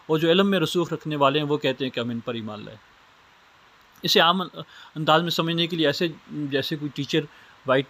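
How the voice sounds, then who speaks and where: A man's voice: fairly high pitch, fairly bright tone. A man from Pakistan lecturing on Islamic studies, explaining step by step with simple everyday examples. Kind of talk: recorded lecture.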